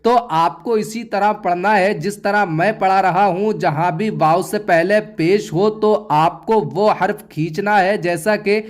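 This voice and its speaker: A man teaches Quran reading in a fairly high voice. He draws out each letter sound slowly in repetition drills. Then he races through the rules in between. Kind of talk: spelled-out reading lesson.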